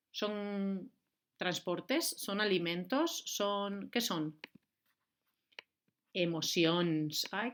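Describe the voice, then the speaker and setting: A young adult woman with a Valencian accent, teaching a remote lesson to young children in a clear, encouraging way. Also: medium pitch. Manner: slow, clear, encouraging, speaks to kids and switches between Valencian and Spanish. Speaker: primary school teacher.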